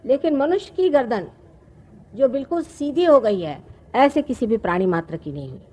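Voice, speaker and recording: A woman, giving a slow, explanatory spiritual discourse with pauses. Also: fairly high pitch, lively intonation, mellow. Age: 50s. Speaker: spiritual teacher. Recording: archival talk recording.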